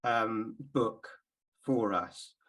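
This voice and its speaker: A man's voice: lowish voice, extremely slow, fairly bright tone, low-quality recording. A man from England giving an informal Bible class talk, chatty and hesitant, with many ums and repeated words.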